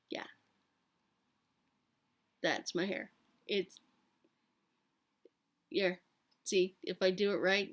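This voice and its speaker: A woman in her late thirties talks casually, as if to a camera. Her mid-pitched voice carries a smoker's rasp. She takes her time, wandering off on tangents and speaking frankly with firm emphasis. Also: a bit bright. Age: late thirties, almost forty. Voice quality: raspy, like a longtime smoker's rasp. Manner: candid, digressive, emphatic. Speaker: vlogger talking to camera. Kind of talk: casual rambling chat.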